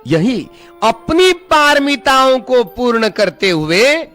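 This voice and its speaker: A man's voice: extremely high pitch, big pitch swings, slow pace, fairly bright tone, soft background music. A man teaching Pali pronunciation in Hindi, carefully chanting verses and explaining how each word should be read.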